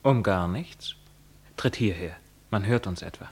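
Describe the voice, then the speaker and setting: A man's voice: low-pitched, measured pace, a little mellow, slightly rough, exaggerated voice. An actor playing a cool, mocking young man who teases his lover, in a classic radio play. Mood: evasive. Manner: mocking, teasing.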